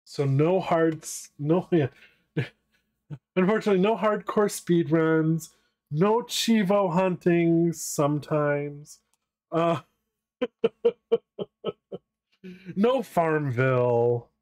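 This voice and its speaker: A man's voice: on the high side, animated, very slow, long pauses, a little mellow. A man streaming games live, chatting casually and playfully with his viewers and laughing often. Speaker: variety game streamer.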